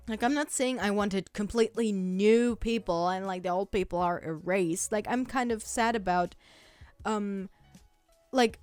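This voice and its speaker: Woman ranting slow n heated, lots of "like" and "um", dry close sound w faint music. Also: on the high side, a little mellow, no echo. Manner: heated, sweary, full of fillers. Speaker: streamer. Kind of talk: casual ranting chat.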